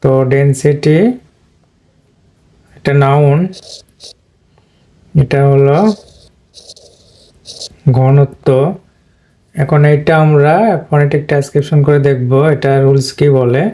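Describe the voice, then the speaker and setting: A man gives a plain, repetitive lesson on English pronunciation, going point by point. His voice is dark and mellow, with very little rise and fall, and he clears his throat now and then. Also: mid-range voice, level tone, takes it slowly, pauses often. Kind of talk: whiteboard lesson explanation.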